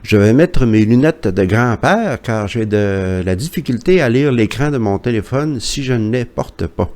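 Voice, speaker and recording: A man's voice: mid-range voice, lively intonation, unhurried, a little mellow. A man with a Québécois accent, chatting casually as he reads out viewer comments, with frequent hesitations. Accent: Québécois French. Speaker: YouTuber reading viewer comments.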